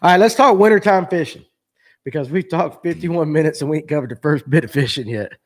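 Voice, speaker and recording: A man in his forties hosts a casual fishing chat. His voice sits a bit high, and he rambles and jokes with plenty of fillers. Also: brisk. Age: 40s. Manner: rambling, joking, lots of fillers. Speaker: show host. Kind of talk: casual live-stream chat.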